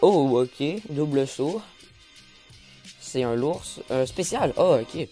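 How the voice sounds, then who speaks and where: A man with a mellow, soft-edged voice talks through a game update in casual commentary, reading notes aloud. He stumbles over words, restarts and apologizes for his stammer. Faint music plays behind him. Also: mid-range voice, lively intonation, slow pace. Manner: stammers and apologizes often, many fillers. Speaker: gaming YouTuber.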